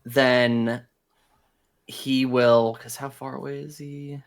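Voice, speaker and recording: A man playing a tabletop game, talking casually and haltingly as he thinks aloud. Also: medium pitch, level tone.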